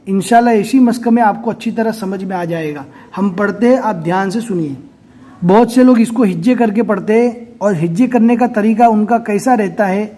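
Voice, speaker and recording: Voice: mid-range voice, warm tone. A Quran reading teacher giving a recorded step-by-step lesson, who explains patiently and then sounds out syllables one at a time.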